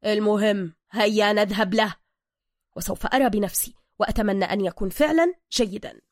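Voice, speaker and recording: Brief: a woman doing a stiff, formal foreigner in an audio story, clipped and quick, dry close sound. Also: medium pitch, dry recording, natural voice. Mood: curt. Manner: formal, curt. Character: stiff foreign man speaking formal Arabic.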